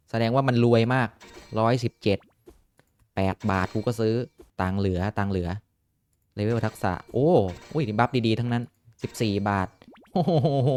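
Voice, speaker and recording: A young man giving casual gameplay commentary, excitable and swearing often, with frequent exclamations. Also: mid-range voice. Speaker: gaming YouTuber.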